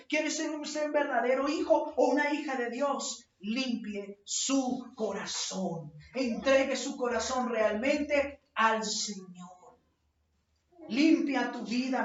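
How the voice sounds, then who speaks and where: A woman preacher delivering an impassioned sermon, rising to shouts when she quotes scripture. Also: fairly high pitch. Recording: echoey distant lo-fi church recording.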